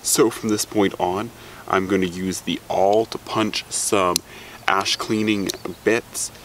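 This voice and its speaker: A man's voice: on the low side, fairly even intonation, takes it slowly, background noise. A young man chatting loosely through an outdoor how-to demonstration, seated in a woodland, recorded on a camera mic. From Alaska. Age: young adult. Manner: chatty and loose, with fillers and restarts. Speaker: outdoors vlogger.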